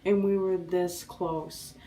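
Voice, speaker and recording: A young woman recounting a story in a casual vlog, her voice sitting on the lower side for a woman. She rambles excitedly, stops and restarts often, and fills gaps with "like" and "um". She sounds a little way off from the microphone. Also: slow pace, distant mic, low-quality recording. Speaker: vlogger.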